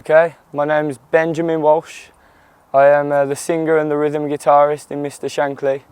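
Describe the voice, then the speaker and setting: A man's voice: a little high, flat delivery, normal speed, background noise. A man, singer and guitarist of a band, speaking matter-of-factly in a documentary interview.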